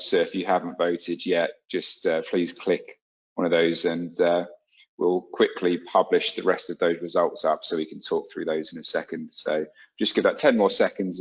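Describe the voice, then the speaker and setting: A man with a very low voice co-hosts an online webinar and calmly walks the audience through a poll in a matter-of-fact tone. The sound is somewhat dull and lo-fi. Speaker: webinar co-presenter. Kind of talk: product webinar presentation.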